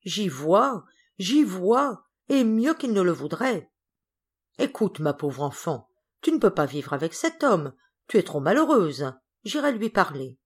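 A woman voicing an irritable, meddling older spinster cousin who talks in a sharp, indignant way in a storybook reading. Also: medium pitch, sing-song, measured pace, breathy edge.

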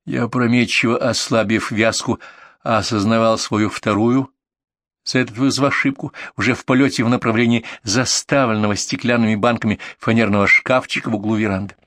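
A man with a low voice reads a first-person story aloud. His delivery is steady and vivid. The sound is dry and close to the mic. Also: brisk, no echo. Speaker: audiobook narrator. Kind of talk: first-person audiobook narration.

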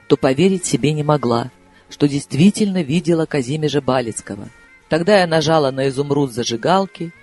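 A male audiobook reader with a fairly high voice and a very lively, rising-and-falling delivery. He narrates dramatically in the first person while soft music plays behind. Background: soft background music.

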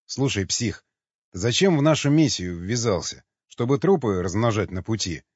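Man reading as a calm, steely warrior leader. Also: lowish voice, slightly rough, no echo. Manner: calm, level, unhurried. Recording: dull lo-fi sound.

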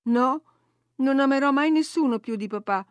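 A woman voicing a headstrong, quick-tempered teenage girl in an audiobook reading, earnest and indignant. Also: fairly high pitch, animated, a little mellow, dry recording, natural voice. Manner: earnest, then hotly indignant.

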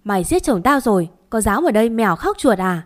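A woman's voice: medium pitch, lively intonation, fairly quick, lightly acted. A woman voicing a grieving, furious older mother-in-law who wails and screeches insults. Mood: screeching rage.

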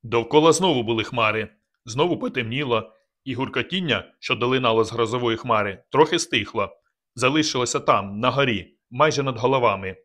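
A man narrating an audiobook in a calm, measured reading. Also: medium pitch. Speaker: audiobook reader. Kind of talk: scripted narration.

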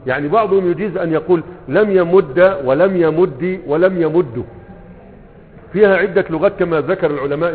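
A man's voice: a little high, slight background noise. A man with an Egyptian Arabic accent teaching a grammar text, explaining step by step and checking that students follow. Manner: explains step by step, checking understanding with repeated "okay?". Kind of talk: classroom lecture reading and explaining a grammar text. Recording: tinny phone-like sound in a reverberant hall.

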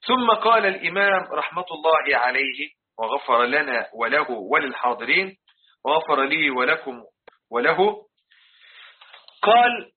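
A religious teacher whose voice is on the high side and slightly rough explains Quran commentary, speaking with an Egyptian Arabic accent. He repeats his points for the class and keeps checking they understand, recorded with a tinny, phone-like sound.

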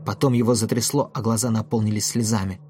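A man reading a storybook aloud in a steady, even storytelling manner. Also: fairly low pitch, fast talker. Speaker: audiobook narrator. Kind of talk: scripted narration. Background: faint music.

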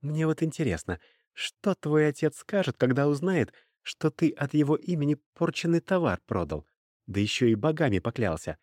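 A man's voice: on the high side, animated, moderate pace, darkish tone, no echo, studio quality, pitched above the performer's own voice. A man voicing a young peasant slave girl who taunts and threatens her former master in a mocking tone. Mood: taunting.

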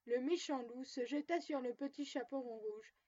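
A woman narrates a classic fairy tale in a clear, measured reading style. Her voice sits high, and the recording sounds dull and lo-fi. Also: mellow. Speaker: storyteller.

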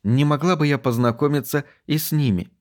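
A man voicing a courteous, hurried young woman researcher, speaking in a lifted voice. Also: a little high, voice pushed up, close to an everyday voice. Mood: polite.

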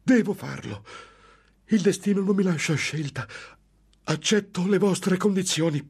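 Man putting on a scared pleading monk, voice pushed up high, kinda husky. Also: a little slow, darkish tone, exaggerated voice. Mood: desperate. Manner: pleading, breathless with fear. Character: terrified desperate male monk prisoner. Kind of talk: dramatic audiobook reading.

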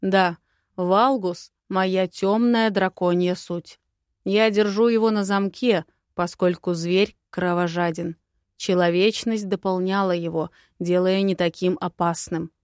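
A woman reading an audiobook voices a calm, earnest young dragon prince who speaks with steady persuasion. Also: lowish voice, unhurried, clean tone, dry recording, studio quality, lightly acted.

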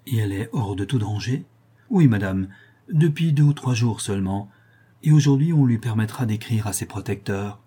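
A man reading an audiobook, voicing a gentle, attentive gentleman who speaks in a polite, measured way. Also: on the low side, animated, husky. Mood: courteous.

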